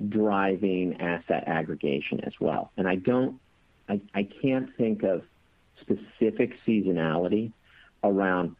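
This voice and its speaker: A company executive on a conference call, with a muffled, boxy sound like he is talking into a trash can, answering analyst questions hesitantly with many fillers and restarts. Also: deep voice. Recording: dry, tinny phone-line audio.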